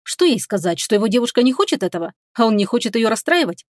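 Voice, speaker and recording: A woman's voice: a little high, big pitch swings, quick pace, a little mellow, no echo, clean studio sound. Woman narrating a fantasy audiobook.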